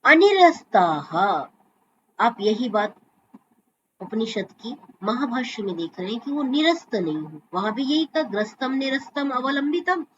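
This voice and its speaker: A woman's voice: fairly high pitch, lively intonation, moderate pace, lo-fi sound, slight background noise. A woman teaching a Sanskrit class over a video call, explaining points and reciting verses while she carefully stretches sounds to show how to say them.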